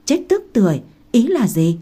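Woman doing a shy young pregnant wife, soft pleading voice, mellow tone. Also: medium pitch, big pitch swings, measured pace, breathy edge. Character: timid young pregnant daughter-in-law.

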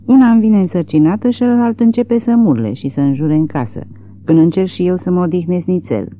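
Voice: mid-range voice, dark tone, natural voice. A reader voicing a stout, furious farm wife who scolds breathlessly, on tinny phone-like audio.

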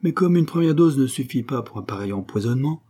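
A man voicing a mysterious armorer who speaks in a composed, ironic way, a little higher than his narration. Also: lively intonation, quick pace, warm tone, slightly rough. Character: shrewd, cool mysterious armorer, adult man.

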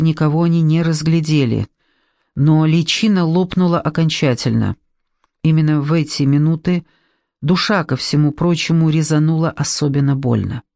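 A woman narrating an audiobook in a measured, deliberate reading. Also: low voice, creaky, dark tone, no room sound, clean studio sound.

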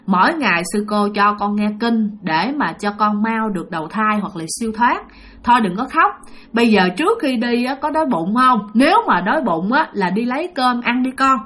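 A woman voicing a gentle Buddhist nun who coaxes softly, speaking. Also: a little high, animated, normal speed. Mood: coaxing. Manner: soft, coaxing, motherly.

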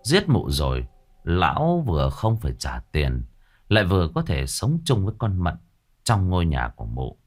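Husky low-voiced guy telling a ghost story, real dramatic. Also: moderate pace. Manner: dramatic, expressive.

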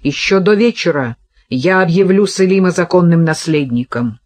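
A narrator voicing a furious, ruthless old sultan who threatens with menacing, rasping shouts, read in a dry, husky voice. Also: medium pitch, animated, moderate pace, dry recording, natural voice. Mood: menacing rage.

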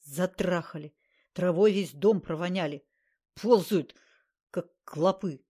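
A man's voice: high voice, takes it slowly, dark tone, breathy edge, full character voice. A woman reading aloud and voicing a sulky, offended male occultist who grumbles and snaps. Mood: irritated. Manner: gloomy, grumbling, snapping.

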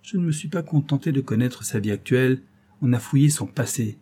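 A man's voice: mid-range voice, a little fast, mellow, slightly rough, lightly acted. A man voicing a grave, protective old banker father. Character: anxious older wealthy banker, protective father.

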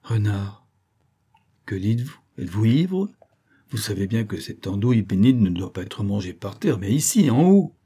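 A man's voice: lowish voice, big pitch swings, moderate pace, mellow, breathy edge, heavily acted. A man voicing a sly, wary male cat who teases with mock piety in a storybook reading. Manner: mock-pious, smug and teasing.

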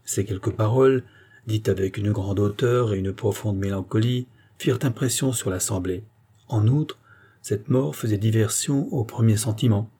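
Husky, mellow male audiobook narrator. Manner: measured storytelling, lifting pitch for quoted voices. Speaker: audiobook reader. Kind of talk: scripted narration of a classic novel.

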